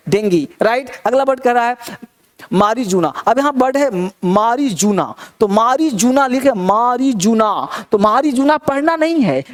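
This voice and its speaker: An Indian man with a high voice leads a spoken English lesson. He drills each word again and again, asks the class what to say, and then gives the answer himself.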